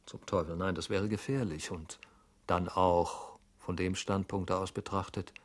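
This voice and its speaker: A man's voice: low voice, fairly even intonation, unhurried. A man voicing an anxious, fretful government clerk who mutters and scolds himself, in an audiobook reading. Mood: brooding.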